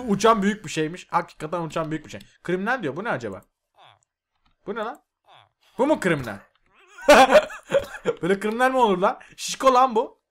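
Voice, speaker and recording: Excitable young man, high lively voice. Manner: excitable, swearing, yelling at mobs. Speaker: gaming YouTuber. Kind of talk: Minecraft mod review commentary.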